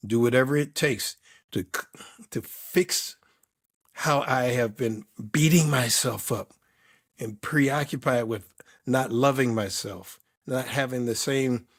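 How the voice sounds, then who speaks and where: A man in his fifties or older, working as a performance coach, answers interview questions in a mid-range voice. He's emphatic and reflective, piling up repeated words in lists.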